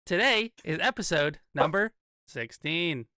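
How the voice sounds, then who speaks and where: A man's voice: a little high, animated, unhurried, bright, forceful tone, smooth, no echo, studio quality. A young man hosting a casual podcast with friends, upbeat with hype intros, talking over a call mic. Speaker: podcast host.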